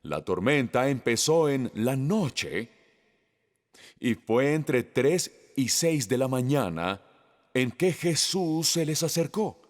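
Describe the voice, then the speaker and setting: Slow, lively-voiced preaching man, hall reverb. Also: mid-range voice. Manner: slow, emphatic preaching with questions to the congregation. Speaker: pastor. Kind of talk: sermon.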